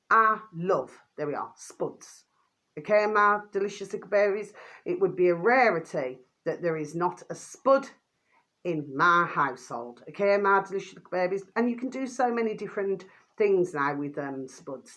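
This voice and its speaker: British woman, 50s, lowish voice. Rambling, informal vlogger who keeps addressing listeners with pet names. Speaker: vlogger recommending videos. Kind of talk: casual rambling talk to viewers.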